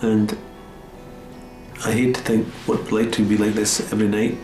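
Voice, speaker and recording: A man's voice: lowish voice, completely flat delivery, moderate pace, dark tone, reverberant, faint music behind, rough recording. A middle-aged Scottish man talking plainly and earnestly about his time away from home. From Scotland. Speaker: undercover newcomer looking for work. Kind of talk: casual chat and reflective talk.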